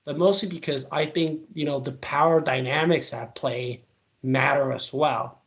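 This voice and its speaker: A young Venezuelan man who works as a political commentator answers interview questions. His voice sits a little high, and his delivery is casual and animated, with lots of fillers and quick bursts.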